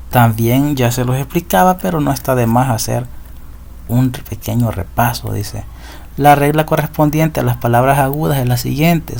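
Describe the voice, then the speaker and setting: With a creaky, darkish voice on the high side, a man with a Central American Spanish accent teaches a recorded lesson. He patiently repeats rules and frequently asks his students ¿verdad?.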